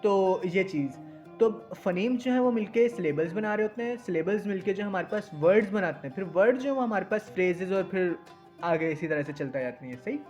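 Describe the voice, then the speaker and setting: Young guy w a high voice teaching slowly, keeps asking "right?", faint music under it. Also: expressive, a little mellow, highs cut off. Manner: explains step by step, often checks with "sahi?". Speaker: teacher explaining language acquisition. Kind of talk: casual explanatory discussion.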